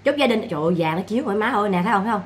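A woman chatting casually to her viewers, animated and scolding, with repeated exclamations. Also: medium pitch, racing. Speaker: vlogger. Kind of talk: casual livestream chat.

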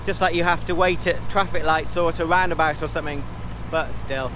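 High-voiced man chatting outdoors on a boat. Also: fairly even intonation, brisk. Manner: chatty, easygoing, wry asides. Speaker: vlog host. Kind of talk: casual narration while boating. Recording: loud boat engine and outdoor noise.

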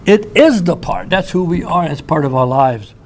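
A man's voice: a little high, expressive, normal speed, a little hiss or hum. A man preaching a sermon in a church, conversational, with asides and restarts. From United States.

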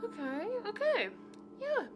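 A woman's voice: extremely high pitch, sing-song, slow, heavily acted. A woman playing a hesitant carnival fortune teller. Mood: breezy. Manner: hesitant, full of ums and stalling. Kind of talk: amateur comedy sketch acting. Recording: loud music behind the voice. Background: loud music.

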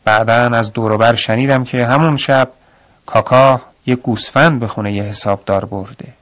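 A man's voice: medium pitch, fairly even intonation, fairly bright tone, lightly acted. A man doing a gossipy old village aunt. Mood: indignant. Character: older village woman, gossipy and warmhearted.

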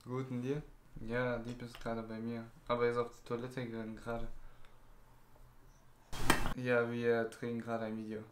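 A man's voice: medium pitch, monotone, normal speed, pauses often, reverberant, slight background noise. A man co-hosting a reaction video, chatting in a laid-back, mocking way. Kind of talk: casual chat.

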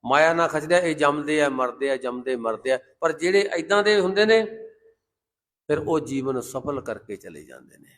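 A man delivers a fervent Sikh sermon in a fairly high voice. He slows down to intone scripture lines. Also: animated, a bit bright. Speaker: Sikh preacher. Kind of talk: Gurbani sermon with sung scripture quotes.

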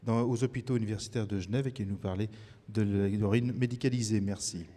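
A man with a low, dark voice introduces the next speaker at a conference, stumbling through the lines with frequent filler sounds. He sounds distant, with the long echo of a large hall around him. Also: fairly even intonation. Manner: halting, many filler sounds. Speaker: session moderator introducing the speaker. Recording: distant mic in reverberant hall.

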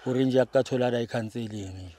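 Halting South African man, casual and slangy. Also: mid-range voice, warm tone. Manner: halting, peppered with slang address terms. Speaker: interview guest. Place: inside a parked car. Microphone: handheld microphone.

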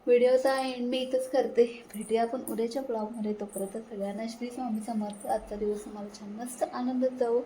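A woman's voice: fairly high pitch, fairly even intonation, fast, hardly any pauses, mellow, slight background noise, low-quality recording. A young woman chatting casually at home in a homely daily vlog, talking straight to her viewers. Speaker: vlogger. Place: home, indoors. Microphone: phone held at hand.

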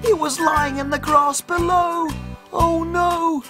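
An actor playing a tiny, excitable, cheerful cook, speaking in an exaggerated, animated children's TV storytelling manner. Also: male voice, very high voice, takes it slowly, full character voice. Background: music.

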